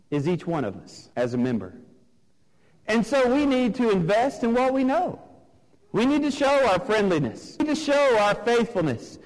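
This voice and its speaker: Emphatic preacher in a reverberant church. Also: male voice, high-pitched. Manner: emphatic, repetitive preaching cadence. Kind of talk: sermon. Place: church sanctuary.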